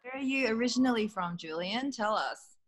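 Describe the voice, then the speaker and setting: A woman's voice: on the high side, expressive, brisk, heavy background noise. Woman host asking curious questions. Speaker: interview host. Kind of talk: casual interview on video call.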